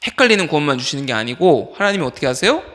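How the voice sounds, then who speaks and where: Pastor guy doing a youth sermon, fairly high voice, talks right at the kids, very animated. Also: very fast. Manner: animated, fires questions at listeners; informal, calls on teens by name. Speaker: associate pastor.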